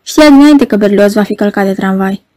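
A man's voice: sits high, no echo, natural voice. A woman doing a frantic, defiant young poet. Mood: agitated. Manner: excited, shouting outbursts.

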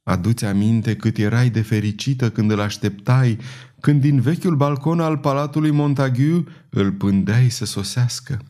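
A man's voice: medium pitch, dark tone, lightly acted. A man voicing a scheming, commanding noblewoman who persuades with insistence and authority in an audiobook reading. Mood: insistent.

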